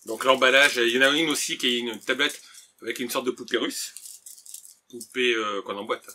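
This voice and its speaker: A man's voice: mid-range voice, steady tone, moderate pace, sharp tone, a little hiss or hum. A man casually chatting while unboxing and tasting snacks on camera, hesitant and full of fillers. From France. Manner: chatty, hesitant, many "euh" and "voilà". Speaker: vlogger tasting food.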